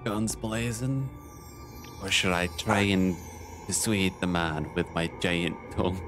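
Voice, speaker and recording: A man's voice: low-pitched, flat delivery, moderate pace. A man chatting casually as a player in a tabletop game. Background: background music.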